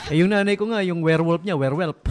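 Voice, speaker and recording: A man's voice: a little high, quick pace, loud music behind the voice. A man with a Filipino accent, a radio DJ chatting casually on air, joking and laughing often. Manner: jokey, laughs often, mixes English into Tagalog. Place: radio studio.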